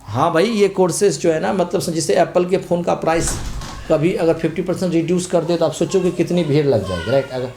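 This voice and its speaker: A man's voice: fairly high pitch, a little fast, gravelly, warm tone, a little hiss or hum. A man teaching an online exam-prep lesson in a chatty, conversational way, mixing English words into his Hindi and repeating tag phrases.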